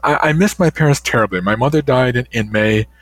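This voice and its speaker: In this interview, a guest author, an older man with a medium-pitched voice, responds to questions in a reflective, hesitant manner and keeps restarting his sentences. There's no room sound.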